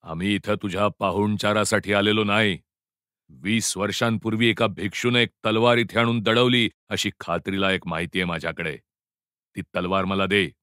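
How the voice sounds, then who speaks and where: A man's voice: fairly low pitch, steady tone, normal speed, pushed and bright, smooth, no echo, studio quality. Man voicing a harsh Hun warlord king. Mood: contemptuous. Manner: barking, scornful orders. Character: ruthless Hun king, middle-aged, harsh, commanding.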